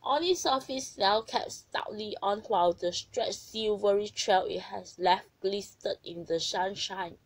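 Woman narrator, children's story read aloud, gentle and expressive, mid-pitched voice. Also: measured pace, hardly any pauses, dry recording, rough recording.

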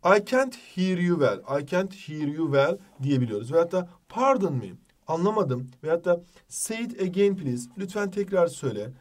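A man teaching a jokey exam-prep lesson, with a Turkish accent, reading English phrases slowly. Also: sits high, lively intonation, darkish tone, far from the mic.

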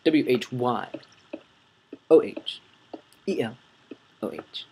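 A man's voice: mid-range voice, lively intonation, slow pace, creaky, a little mellow, husky. A young man hosting a gaming channel, rambling and correcting himself as he comments on his play and talks to viewers.

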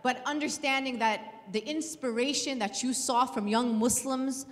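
A woman's voice: high voice, normal speed. A woman in her thirties from New City, speaking earnestly and with emphasis at a panel event on a handheld mic. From New York City. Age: 30s. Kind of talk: impassioned panel talk. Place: event hall, indoors. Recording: hall reverb.

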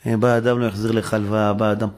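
Preaching in a synagogue, a male rabbi dramatizes dialogue in an animated sermon, with abrupt high-pitched exclamations.

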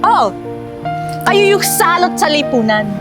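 A woman playing a furious wife who loudly accuses another of stealing her husband, in a short film. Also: extremely high pitch, very animated, a little slow, over loud music, full character voice. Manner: loud, accusing, theatrical shouting. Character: furious wife confronting a suspected mistress.

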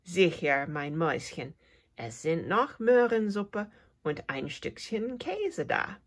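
A woman's voice: lowish voice, big pitch swings, slow pace, heavily acted. A woman doing a scolding mother mouse. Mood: tender. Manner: grumbling, then warm. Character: caring mother mouse, scolding but kind.

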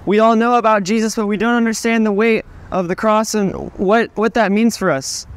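Brief: young Southern US man preaching outside, high clear voice, steady scripture reading. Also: normal speed. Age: young adult. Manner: steady, reads scripture, then speaks plainly with fillers. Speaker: street preacher. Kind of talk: open-air street preaching and scripture reading. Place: outdoors on a town street.

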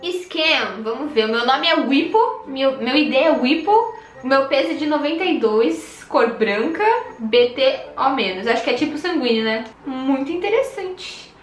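A young Brazilian woman giving excited, chatty commentary on her own gameplay, shrieking at surprises and muttering through tasks. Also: high voice, unhurried, echoey room. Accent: Brazilian Portuguese. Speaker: gaming youtuber.

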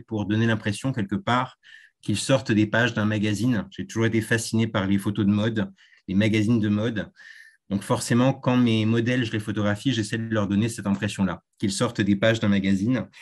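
A man who works as a tour guide, talking as a podcast guest in a thoughtful, hesitant way with pauses and repeats. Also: fairly low pitch. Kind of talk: relaxed interview answer.

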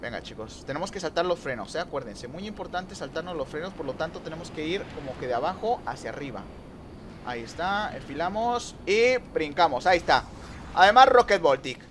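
A young man giving lively gameplay commentary, talking to viewers and teasing rivals. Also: fairly high pitch, brisk, noisy background. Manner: excitable, talks to viewers and rivals, trash-talks. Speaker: gaming youtuber.

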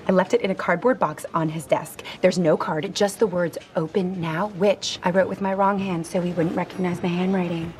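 A woman's voice: lowish voice, fairly even intonation, normal speed, few pauses, a little mellow, slight background noise, close to an everyday voice. A woman in her thirties playing an eager, scheming police detective in a sitcom, explaining earnestly and proudly. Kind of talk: TV sitcom acting.

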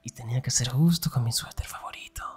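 Whispering huskily and breathily, a young man plays a teasing, loving best friend in an intimate ASMR roleplay. His voice is mid-range and fast, with faint music in the background.

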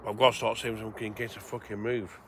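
An English vlogger in his forties rambles casually to viewers during a night-time livestream outdoors by the seaside, swearing freely. His voice is lowish, flat and fast. There's slight background noise.

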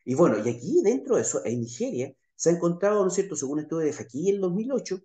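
A man's voice: fairly high pitch, sing-song, fast, warm tone. A middle-aged Chilean man giving an online talk over slides as a naturopath, explaining step by step and checking in with his listeners. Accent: Chilean Spanish. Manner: gestures with his hands while talking. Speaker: naturopath lecturer. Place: small indoor room, plain wall behind. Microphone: webcam on a video call. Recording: echoey room on a webcam.

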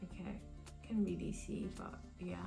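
Chatting at a normal speed in a low-leaning, steady voice made slightly hoarse by a cold, a young woman walks through a casual hair tutorial with lots of ums and restarts. She's at home in her living room, facing a camera at desk distance. Soft music plays behind her in the echoey room.

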